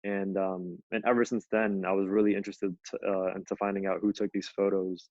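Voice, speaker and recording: A man's voice: low-pitched, flat delivery, a little fast, a little mellow, dry recording, lo-fi sound. A young man from Ethiopia, a featured artist, telling his story casually with many fillers like "you know" over a video call. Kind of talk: conversational storytelling.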